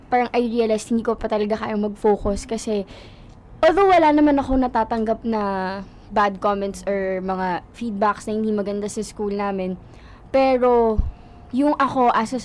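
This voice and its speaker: A woman's voice: a little high, normal speed, darkish tone, a little hiss or hum. A young woman with a Filipino accent, a radio talk show guest recounting events in casual, mixed Tagalog and English. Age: young adult.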